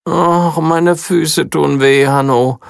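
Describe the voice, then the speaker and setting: A storyteller voicing a whiny young princess in a children's story, pleading and sulky. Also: female voice, low voice, fairly even intonation, slow pace, creaky, dry recording, studio quality, pitched above the performer's own voice, heavily acted.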